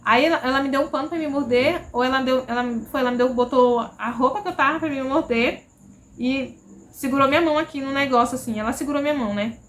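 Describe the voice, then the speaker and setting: Fast-talking high-voiced Brazilian woman. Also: a bit bright. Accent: Brazilian Portuguese. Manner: chatty, repeats herself, frequent "entendeu?". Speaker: vlogger. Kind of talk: casual personal storytelling.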